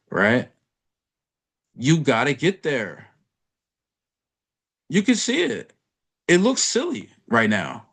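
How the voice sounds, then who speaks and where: A man giving a casual trading lesson over a chart, blunt and profane, talking to the viewer in street slang. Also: medium pitch. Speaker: trading educator.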